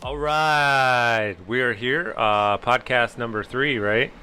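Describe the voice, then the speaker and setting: A man's voice: medium pitch, slow, sharp tone, soft background music. A man hosting a casual podcast, joking and teasing his guests in easy banter. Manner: joking, self-deprecating banter. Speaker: podcast host.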